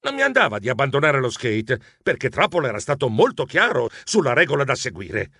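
A man narrating a children's story in an animated, playful way. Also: mid-range voice, fairly quick, breathy edge, no echo, clean studio sound. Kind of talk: audiobook narration.

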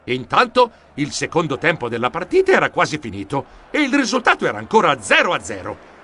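A man narrating a children's storybook in a lively, expressive manner. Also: on the high side, a little fast, slight background noise. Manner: expressive, animated. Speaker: audiobook narrator.

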